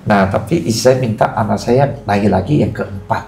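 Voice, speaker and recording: A middle-aged man giving a casual personal testimony on a podcast, his voice jumping up in pitch when he gets emotional. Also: normal speed, creaky, darkish tone, soft background music. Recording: echoey room.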